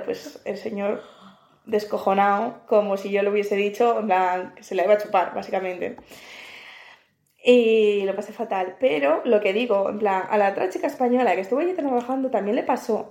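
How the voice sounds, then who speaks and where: A woman's voice: medium pitch, darkish tone, echoey room. A young woman from Spain with a Spain Spanish accent, co-hosting a podcast and telling stories candidly, laughing often and using coarse slang. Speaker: podcast co-host. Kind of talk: casual chat.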